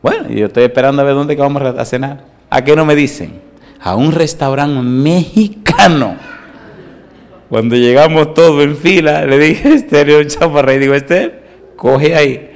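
Animated, fairly high-voiced preacher man. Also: moderate pace. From Latin America. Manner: animated storytelling, asks the audience questions. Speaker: pastor. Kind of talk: humorous sermon with anecdotes.

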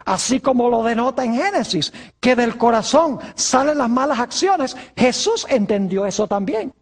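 A preacher giving a sermon, asking rhetorical questions and answering them, stretching key words slowly. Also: mid-range voice, animated, slightly rough.

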